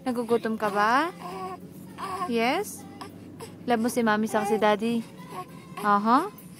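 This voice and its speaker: High-voiced mother cooing to her baby. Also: expressive, slow pace, crowd noise. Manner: soft, sing-song coaxing. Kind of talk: baby talk, coaxing. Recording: loud music playing behind. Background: loud music.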